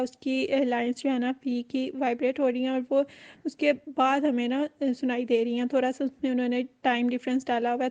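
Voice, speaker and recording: A woman gives a recorded course lecture, patiently explaining terms and repeating key phrases. Her voice sits high but stays fairly flat in melody, with a soft, mellow tone. The recording sounds a little dull and lo-fi.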